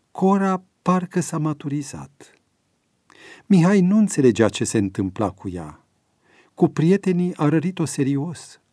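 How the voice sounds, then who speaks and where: A man's voice: a little high, dry recording. Man narrating a story, dry and close. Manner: steady, measured reading. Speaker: audiobook narrator.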